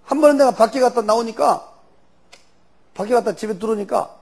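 A man's voice: very high-pitched, brisk, vocal fry, a little mellow. An older man with a Jeolla Korean accent, a church elder telling his life story in a loose, folksy testimony. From Jeolla region, Korea.

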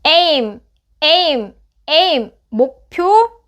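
Slow, bright-voiced woman teaching phonics. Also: sits high, expressive. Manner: repeats each English word three times, then gives its meaning. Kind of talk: slow repeated word drills with explanations.

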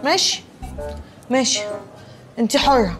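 A woman's voice: high voice, lively intonation, a little slow, faint music behind. An actress playing a cheeky, chatty young woman who wheedles and needles her cousin in Egyptian Arabic. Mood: wheedling. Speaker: cousin, comic film character. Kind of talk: Egyptian comedy film acting.

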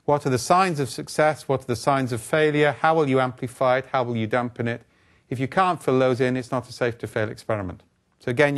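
An older man gives a keynote lecture on a conference stage, speaking into a lapel mic. He talks in a brisk, wry and blunt way, scattering asides and rhetorical questions through his points. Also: medium pitch.

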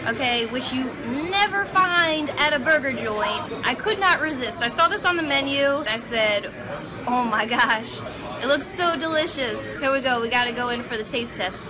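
A young adult woman filming a taste test in a restaurant, talking to camera in an excited, gushing way. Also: sits high, moderate pace, hardly any pauses, crowd noise. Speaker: food reviewer host. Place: busy restaurant.

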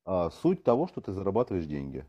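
A man with a lowish, dark and mellow voice chats casually as a recruiter. He rambles, stacks up fillers and drifts into joking asides. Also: wildly swooping pitch, fast talker, husky, highs cut off. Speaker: recruiter for online hosts. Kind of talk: casual phone chat.

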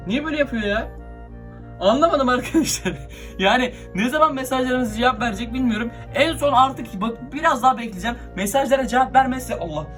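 A young man hosts a casual vlog with an excitable, chatty manner, constantly talking to his viewers. His voice sits very high and he talks fast. Faint music runs underneath. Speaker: YouTuber. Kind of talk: casual horror prank vlog.

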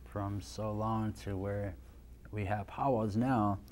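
On an indoor TV studio set, a man in his thirties from Nebraska, guesting as a dance instructor, rambles easygoingly into a lapel mic, restarting often and saying "you know." His voice is fairly low and a little mellow, slow and fairly even. There's a little hiss or hum.

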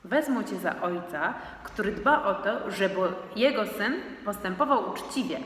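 A woman reading as a calm, firm mother. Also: mid-range voice, measured pace. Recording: echoey room, long reverb, faint noise.

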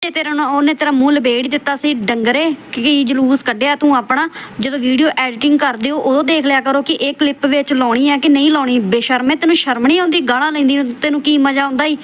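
Scornful fast-talking woman roaster. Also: sits high, steady tone, slight background noise. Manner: scornful, insulting, lecturing. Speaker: roast channel host. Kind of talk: scolding roast commentary over clips.

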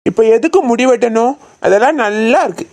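A woman's voice: a little high, animated, a little fast, a little mellow. A woman voicing a stern tuition teacher in a cartoon, scolding and bossy.

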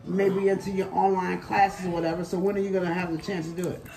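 A man with a notably high voice chats casually with his kids. He asks them teasing questions and stretches the words out slowly. He keeps a light, prodding tone throughout. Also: level tone, gravelly. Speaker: parent asking the kids questions. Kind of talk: casual family chat.

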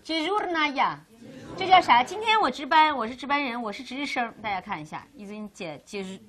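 A woman teaching a Russian grammar class, lecturing lively and asking questions she answers herself. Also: on the high side, fast talker.

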